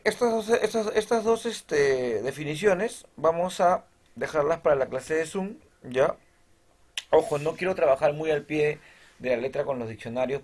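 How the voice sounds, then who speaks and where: Here a male teacher, his voice a little high, gives a recorded lesson. He lays out each step in order, reads definitions aloud from the text, and checks in with the students after nearly every point.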